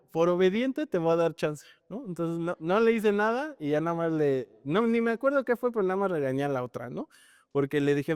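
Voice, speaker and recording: A man preaches a sermon in a large hall, telling stories in an animated, conversational way and often ending sentences with tag questions. His smooth voice is on the high side. The sound is studio quality, with no echo.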